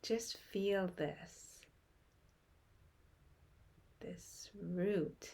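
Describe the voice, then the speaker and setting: A woman guides a meditation in a soft, hushed voice that fades toward a whisper. She speaks in short phrases with long pauses between them, and her voice is lowish and creaky.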